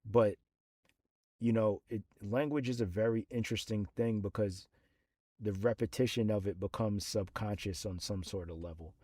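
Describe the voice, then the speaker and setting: A man's voice: lowish voice, fairly even intonation, normal speed, dark tone, slightly rough, no room sound. A man in his thirties, a rapper, talks about his album in a rambling, casual monologue full of fillers and restarts.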